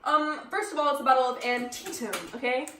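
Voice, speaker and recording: Girl doing an exasperated male history teacher, highish voice, echoey room a bit off mic. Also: steady tone, brisk, bright, forceful tone, far from the mic, slight background noise. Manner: exasperated, lecturing. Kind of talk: amateur school skit.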